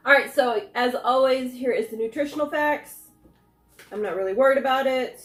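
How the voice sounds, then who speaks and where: Chatting her way through a taste test, a woman reviews snacks, wandering off on tangents and thinking aloud. She speaks at a normal speed in a high-sitting voice, over faint music in an echoey room.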